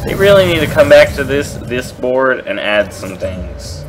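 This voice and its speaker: A man casually commentating his own card game, teasing his opponent and slipping into mocking squeaky voices. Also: sing-song, a little slow. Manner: playful trash talk at opponent, swings into squeaky mocking voices. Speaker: gameplay streamer. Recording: game music behind voice.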